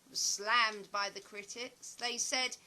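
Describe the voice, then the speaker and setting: In an audio play, a woman portrays a chatty, opinionated stage actress looking back nostalgically, telling her stories in a dramatic, expressive way with a sardonic edge. Her voice runs on the high side at a measured pace.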